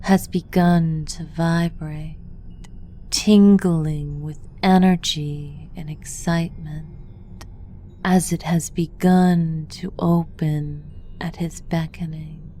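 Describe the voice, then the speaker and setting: In a guided meditation, a woman speaks with extremely slow, deliberate phrasing in a lowish, soft-edged, dark-toned voice. Her delivery is hushed and incantatory, the tone steady, with a little hiss or hum in the background.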